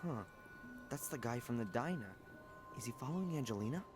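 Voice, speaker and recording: A man's voice: mid-range voice, expressive, brisk, close to an everyday voice. An actor playing a polite young male student in a video game, speaking hesitantly with many uhs. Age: young adult. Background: game music.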